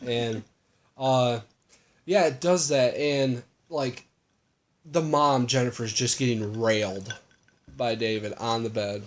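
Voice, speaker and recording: A man's voice: mid-range voice, fairly even intonation, slow pace, pauses often. A man co-hosting a loose, chatty movie recap. He rambles, leans on fillers and throws in crude jokes as he goes. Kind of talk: casual chat.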